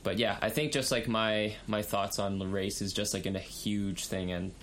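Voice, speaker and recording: A man's voice: fairly low pitch, flat delivery, moderate pace, a bit bright, a little hiss or hum. A young man from Canada, talking in a hesitant way with many fillers during a casual discussion. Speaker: podcast co-host.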